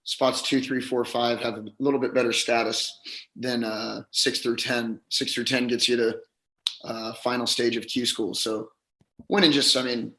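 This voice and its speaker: A man who is losing his voice, slightly hoarse, chatting casually as a pro athlete being interviewed. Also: medium pitch, level tone, moderate pace, pushed and bright, echoey room, low-quality recording. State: hoarse, voice a little gone. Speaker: professional golfer, podcast guest. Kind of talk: casual chat.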